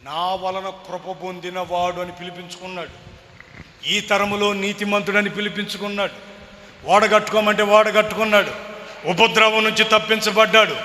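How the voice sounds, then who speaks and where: Animated high-voiced preacher in an echoey hall. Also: male voice. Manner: animated, swings from quiet asides to shouting. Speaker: pastor. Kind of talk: sermon with personal storytelling. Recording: echoey hall with faint background noise.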